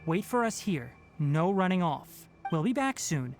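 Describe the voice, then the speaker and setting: Low-pitched, composed young male forest ranger. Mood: firm, instructive. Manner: calm, instructive, measured. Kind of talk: video game voice acting. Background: game music.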